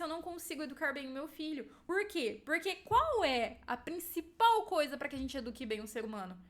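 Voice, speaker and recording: A woman's voice: high-pitched, fairly bright tone. A woman in her thirties with a Brazilian Portuguese accent, talking emphatically at home about motherhood and asking rhetorical questions. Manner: emphatic, asks rhetorical questions, often adds "entende?". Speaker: mother giving parenting advice. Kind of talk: casual talk to camera.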